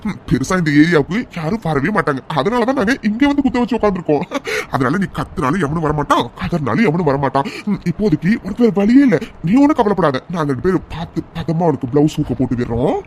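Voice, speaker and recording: A leering, swaggering young cartoon thug with a fairly high male voice that keeps mocking and taunting, as a man voices him. He talks with a menacing, bullying swagger, and there is faint noise behind him. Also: big pitch swings, fast talker. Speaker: voice actor. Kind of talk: cartoon voice acting.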